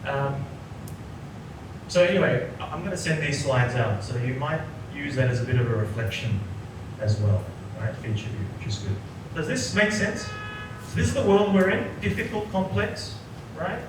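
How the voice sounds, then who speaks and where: A Sri Lankan psychologist in his forties gives a workshop lecture, repeatedly checking in with the audience by asking "right?". His mid-range voice moves at a moderate pace, picked up by a distant mic in an echoey room with noticeable background noise.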